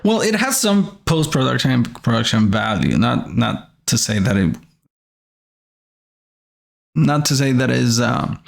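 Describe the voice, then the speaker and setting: A man gives casual commentary as a host, in a creaky voice. He talks slowly and haltingly, with a very animated pitch. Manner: halting, searching for words.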